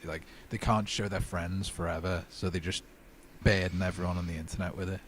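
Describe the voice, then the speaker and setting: A man's voice: sits low, little pitch movement, a little fast, a little hiss or hum. A man co-hosting a music podcast, easygoing and agreeable in casual chat. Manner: easygoing, agreeable, says yeah a lot. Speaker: podcast co-host.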